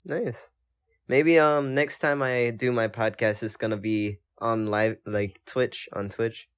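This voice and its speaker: A man's voice: mid-range voice, steady tone, slow, smooth. A young man hosting a casual podcast chat over a voice call, hesitant, with many ums and laughs. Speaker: podcast host.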